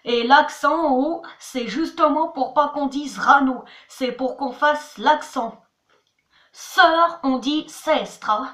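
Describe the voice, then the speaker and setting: Here a channel host teaches words in a chatty, homemade language lesson, spelling them out letter by letter and repeating "voilà" and "attention." Her voice sits high with a fairly bright tone, the pace is slow, and the room echoes.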